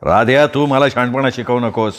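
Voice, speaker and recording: A male storyteller playing a stern, short-tempered rich landowner who speaks slowly and weightily. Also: medium pitch, natural voice.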